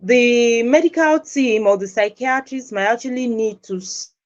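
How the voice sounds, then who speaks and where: A woman doctor speaking quickly and apologetically as a show guest over a bad network connection that keeps breaking up. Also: fairly high pitch. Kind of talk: online show interview. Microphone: remote video call. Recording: dull lo-fi online call audio.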